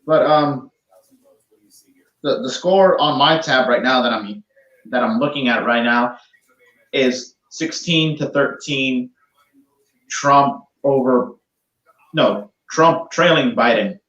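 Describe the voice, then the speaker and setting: A podcast co-host calling in remotely, his voice tinny as if through a tin can. The sound is echoey and muffled, with little top end. He talks at an ordinary pitch in an easygoing, joking way, sometimes putting on a mock news-anchor delivery. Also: takes it slowly, pauses often, fairly bright tone. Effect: tinny tin-can sound from a poor remote microphone. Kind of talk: casual chat, then mock news-anchor commentary. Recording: echoey, dull lo-fi remote mic.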